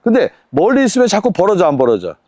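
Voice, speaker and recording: A man coaching a tennis lesson on court, counting drills and firing quick rhetorical questions at his student. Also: high voice, huge pitch swings, darkish tone, no room sound, studio quality.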